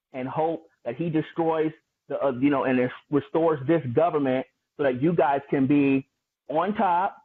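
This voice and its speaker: A man's voice: fairly high pitch, husky. A man arguing in an online debate, argumentative and sarcastic. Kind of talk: heated debate. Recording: tinny phone-like call audio.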